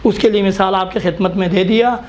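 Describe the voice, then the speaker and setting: A man's voice: high voice, fairly even intonation, a little mellow. A man teaching a Quran recitation class, patiently spelling out vowel sounds one by one.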